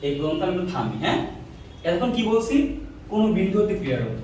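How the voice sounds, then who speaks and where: A man teaches physics in a quick, high voice, quizzing his class and echoing their replies. He sounds distant from the mic, in a room with heavy echo. A faint ambient hiss sits behind him. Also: sing-song, a little mellow. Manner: drills students with repeated questions, answers himself. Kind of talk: classroom lecture with call-and-response. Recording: echoey room, mic far off.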